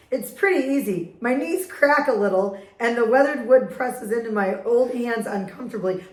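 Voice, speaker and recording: A woman co-hosting a podcast in a casual book chat. She is giggly and animated and talks in quick bursts. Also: a little high, roomy sound, rough recording. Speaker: podcast co-host.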